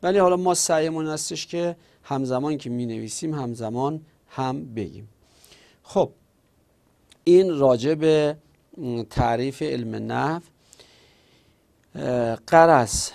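A man teaching a lecture, explaining slowly and deliberately with frequent hesitations. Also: mid-range voice, vocal fry, darkish tone. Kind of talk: recorded classroom lecture. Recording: audio from a lecture recording.

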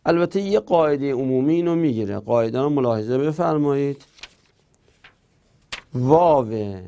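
Man, teacher, gravelly voice, dark mellow tone, methodical grammar lesson. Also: medium pitch, expressive. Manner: methodical, reads rules aloud then explains them.

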